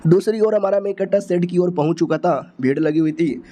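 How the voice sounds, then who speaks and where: A man's voice: high-pitched, fairly quick, mellow. A man casually recapping a comic story in a chatty, colloquial way.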